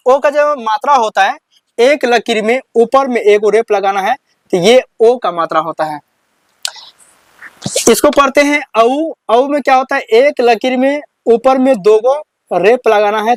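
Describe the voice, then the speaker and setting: ऊँची आवाज़ वाला हिंदी शिक्षक. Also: male voice, very high-pitched, no room sound. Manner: repeats questions back to students, counts slowly. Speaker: Hindi teacher. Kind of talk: slow classroom explanation.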